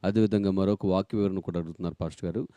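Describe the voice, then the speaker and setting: A male co-host with a low, very dark, mellow voice reading listener questions in a polite, formal way. The sound is dry and close. He speaks slowly and evenly. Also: fairly even intonation, clear, resonant tone, dry recording.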